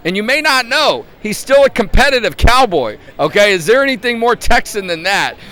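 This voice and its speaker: High-pitched, chatty male interview host. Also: lively intonation, a little fast, bright, forceful tone. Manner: chatty, rambling. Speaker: host, advocacy group president. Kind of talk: casual live interview hosting. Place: convention floor.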